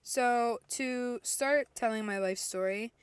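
A woman in her twenties from El Salvador hosts her own faith podcast, telling her story in a casual, chatty, candid monologue and frequently correcting herself. Her voice is a little high and clean, with no echo, and she speaks at a slow pace.

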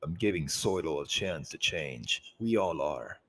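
A man's voice: extremely low pitch, lively intonation, measured pace, fairly bright tone, slightly rough, voice pushed down, full character voice. A man voicing a protective male creature leader in a firm, commanding way.

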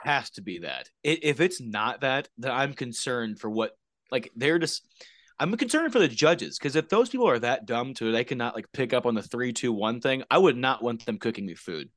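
Animated young man ranting. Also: mid-range voice, normal speed, no echo, studio quality. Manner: animated, swearing, laughing rants. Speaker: podcast host. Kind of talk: casual chat.

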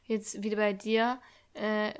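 A woman's voice: mid-range voice, flat delivery, slow pace, clear, resonant tone. A young woman chatting casually, backing up her friend with reflective, slangy comments. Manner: supportive listener, reflective and slang-heavy. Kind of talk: casual chat.

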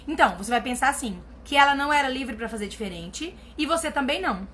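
A woman's voice: high voice, expressive, fast, a bit bright, a little hiss or hum. A woman therapist giving blunt, emphatic advice in a casual chat, often repeating herself for stress. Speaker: family constellation therapist answering viewer questions. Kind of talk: casual live advice reading comments.

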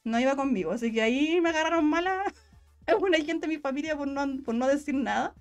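Over soft background music, a young Chilean-accented woman with a high voice tells a personal story in fast, slangy, animated chat. She voices the people in it, quoting them as she goes.

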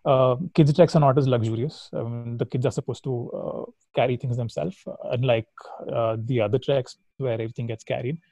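Male interview guest, Indian accent, relaxed soft-edged tone, informal storyteller, very dry sound. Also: medium pitch, brisk, few pauses, dry recording. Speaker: guest, trekking company founder.

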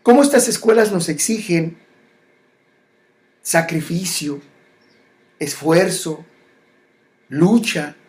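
A speaker gives a reflective spiritual monologue. The delivery is slow, with repeated phrases and frequent pauses and restarts. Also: medium pitch, lively intonation, darkish tone.

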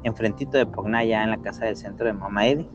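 A man's voice: fairly low pitch, quick pace, highs cut off, music in the background. A man with a Mexican accent telling paranormal stories in a casual chat, acting out quotes and sound effects. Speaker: storyteller guest.

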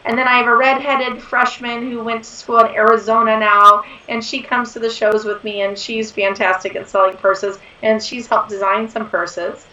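A woman in her forties, a guest entrepreneur chatting in an interview, her voice hoarse from overuse. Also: fairly high pitch, little pitch movement, moderate pace, few pauses, pushed and bright. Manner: chatty and enthusiastic. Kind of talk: casual interview chat. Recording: distant roomy lo-fi mic.

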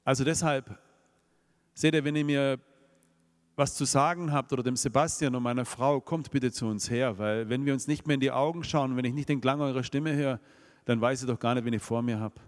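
Brief: male preacher, Swabian accent, middle pitch, sermon to a congregation, long hall reverb. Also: fairly even intonation, brisk. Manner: rhetorical questions to the congregation.

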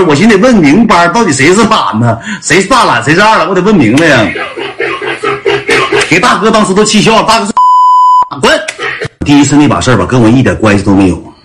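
A man with a Northeastern Chinese accent, telling a comic story in a chatty way, laughing as he goes and calling out to his listeners. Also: fairly high pitch.

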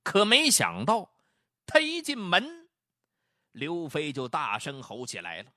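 Lively male storyteller. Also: a little high, slow, no room sound, clean studio sound. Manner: animated, acts out the dialogue. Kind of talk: dramatic story narration.

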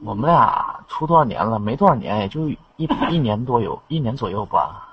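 A man's voice: lowish voice, animated, a little fast, slight background noise. A young man chatting casually as a caller in an online voice chat. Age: young adult. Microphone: online voice chat microphone. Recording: dull, lo-fi voice-chat line.

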